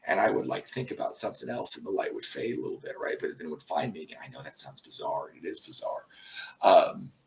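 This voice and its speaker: A man telling a personal story in a casual, rambling way, swearing often and pausing on fillers. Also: sits low, animated, vocal fry, recorded from a distance. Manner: profane, rambling, halting with many fillers. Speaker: channel host.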